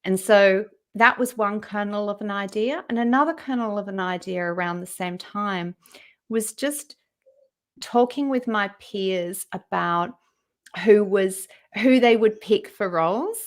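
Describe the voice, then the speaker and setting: A woman in her forties, a guest recounting her career story in a conversational interview over a video call, jumping up high in pitch whenever she quotes someone. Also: a little slow. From Australia. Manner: animated, raises her voice high when quoting people.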